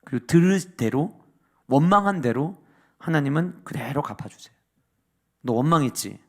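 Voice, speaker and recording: Male pastor mid-sermon, expressive delivery swinging from loud emphasis to near-whispers. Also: on the high side, normal speed. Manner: dynamic preaching, rising to loud emphatic peaks and dropping to hushed asides.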